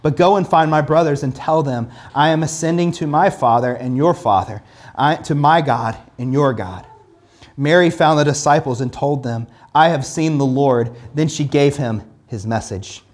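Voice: mid-range voice, normal speed, darkish tone. A pastor teaching casually from the Bible, reading scripture aloud and then building emphatic points with repeated phrases and many "like" fillers. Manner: reads scripture aloud between comments.

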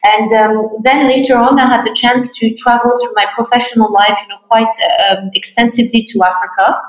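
A woman's voice: on the high side, steady tone, brisk. A middle-aged woman from Morocco, founder of an art fair, answering interview questions in a hesitant way full of fillers and restarts. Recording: roomy distant mic.

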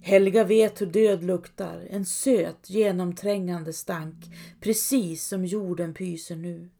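Woman narrating a dark folk tale. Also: on the low side, steady tone, vocal fry. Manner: measured, dramatic reading. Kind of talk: scripted storytelling narration.

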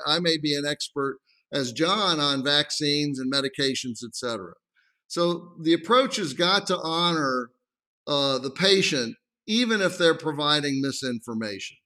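A man answering interview questions in a calm, measured way, acting out conversations with patients. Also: fairly high pitch.

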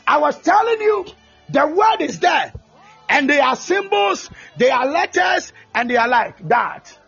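A man preaching a fervent sermon, often shouting and mixing English with Twi. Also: extremely high pitch, big pitch swings, unhurried, vocal fry. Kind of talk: sermon with prayer. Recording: dull lo-fi recording with faint music.

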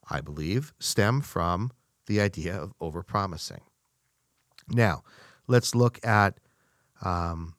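A man's voice: no echo, studio quality. A man talking through business advice in a casual, conversational monologue, acting out little dialogues as he goes. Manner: conversational, acts out quoted dialogue with rising pitch. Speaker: business speaker.

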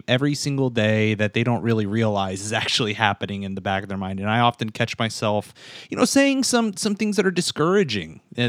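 Male podcast host, mid pitch, rambling and reflective, dry close sound. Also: dry recording. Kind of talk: casual interview talk.

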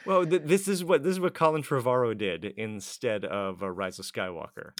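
A man's voice: mid-range voice, moderate pace, no echo, studio quality. A man co-hosting a casual film discussion, riffing in a joking way. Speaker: co-host.

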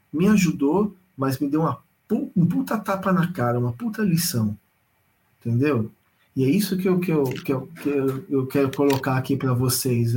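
Man, casual testimony, animated, talks straight to the audience, repeats himself. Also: on the high side, rough recording. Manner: animated, repetitive, addresses listeners directly. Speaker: storyteller sharing a personal spiritual experience.

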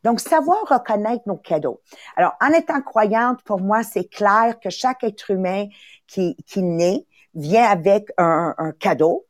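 A woman's voice: mid-range voice, lively intonation, unhurried, no room sound, clean studio sound. A woman hosting a motivational podcast, upbeat, repeating words for emphasis and slipping into English. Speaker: podcast host and coach. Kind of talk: motivational live talk.

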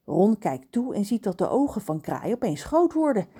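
A woman narrating a children's audio story in a clear, expressive reading voice. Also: medium pitch, normal speed.

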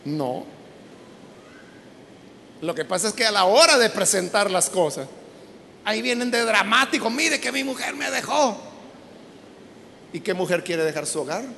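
A man preaching a sermon, emphatic, with sudden shouted words and rhetorical questions. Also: high voice, animated, normal speed, long pauses, slight background noise. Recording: long reverb of a large hall.

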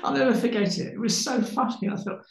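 Fervent pastor, preachy. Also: male voice, very high voice, quick pace, vocal fry. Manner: fervent, preachy, repeats words as he builds. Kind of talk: passionate storytelling in conversation. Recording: roomy echo.

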